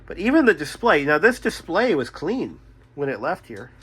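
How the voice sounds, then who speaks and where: Working through a repair on his own video, this radio repairer talks casually, reasoning aloud and frequently quizzing himself. He sounds very animated, with a fairly high, fairly bright voice that has a breathy edge, delivered at normal speed.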